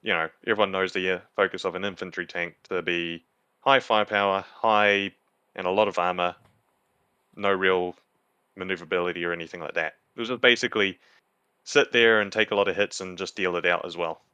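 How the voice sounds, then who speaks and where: A man's voice: sits low, fairly even intonation, a little fast, pushed and bright, clean tone, no echo, dull audio. A man presenting on a podcast in casual, loosely phrased explanatory chat.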